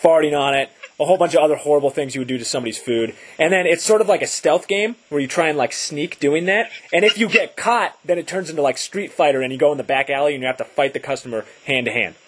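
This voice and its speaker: A man's voice: a little high, quick pace, few pauses, husky. A man co-hosting a gaming podcast, joking and upbeat in casual chat. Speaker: podcast co-host.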